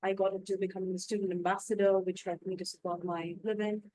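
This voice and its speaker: An Indian woman on a student panel speaks fast in a medium-pitched, level, slightly mellow voice, recorded dry. The discussion is casual, and she's chatty, often building on what others said with fillers like "definitely" and "you know."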